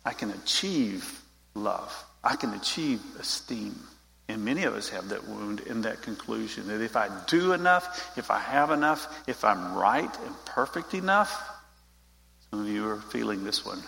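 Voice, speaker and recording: A man's voice: on the low side, animated, normal speed, gravelly, sharp tone, long reverb tail, poor audio. A man giving an informal Bible teaching, talking straight to his group in a conversational way.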